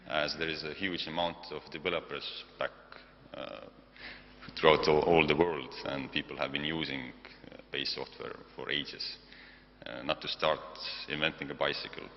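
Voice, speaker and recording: A man from Estonia with an Estonian accent, giving a technical conference presentation in a halting, hesitant way with frequent pauses. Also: a bass voice. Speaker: conference presenter, software developer side. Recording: dull, noisy hall recording with long reverb, hum.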